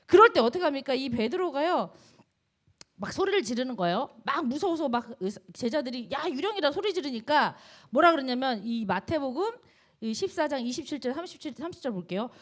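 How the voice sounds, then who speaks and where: Animated high-pitched woman preaching. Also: brisk. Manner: animated, asks the audience questions, acts out cries to God. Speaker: college ministry preacher. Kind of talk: sermon.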